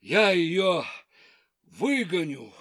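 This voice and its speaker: Storybook bear, old and heavy, rumbling low, voiced by a woman narrator. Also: very animated, heavily acted. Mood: growling. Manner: low, slow, growling.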